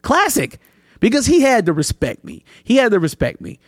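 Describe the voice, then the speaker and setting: A man's voice: very high-pitched, normal speed, no room sound, clean studio sound. A young man, a rapper, boasting and cursing as he tells a backstage story in casual talk, acting out what others said. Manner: profane, boastful, animated storyteller who acts out quotes. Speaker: rapper and touring opener.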